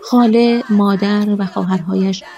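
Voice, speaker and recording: A woman narrating a first-person story in a quiet, measured way. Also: mid-range voice, fairly even intonation.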